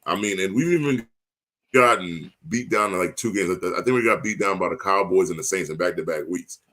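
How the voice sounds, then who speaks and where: A man's voice: low voice, fairly quick, a bit bright. A man co-hosting a casual sports podcast, rambling with lots of filler words and getting heated and emphatic. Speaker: podcast co-host.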